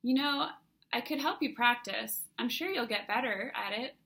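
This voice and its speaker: A woman voicing a cheerful, bubbly teenage girl with telepathic powers in an audiobook reading, speaking brightly and eagerly. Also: on the high side, moderate pace, vocal fry.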